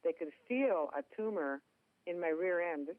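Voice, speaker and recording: Telling her story as a chatty phone-interview guest, a middle-aged woman from Minnesota, USA, speaks with a Minnesota accent in a fairly low, animated voice at normal speed. She pokes fun at herself, and the tinny phone audio is dry with no echo.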